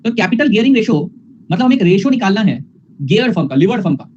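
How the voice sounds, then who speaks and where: A man lecturing at a quick clip in a fairly high voice, drilling formulas by repeating them and teasing his students, whom he calls "beta". The sound is dull and slightly lo-fi, with faint noise underneath. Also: big pitch swings, darkish tone. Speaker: teacher. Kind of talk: online finance lecture.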